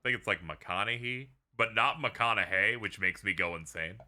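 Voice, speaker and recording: A man's voice: lowish voice, moderate pace, bright, forceful tone. A man giving casual, joking, irreverent live-stream commentary on a game. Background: game cutscene audio.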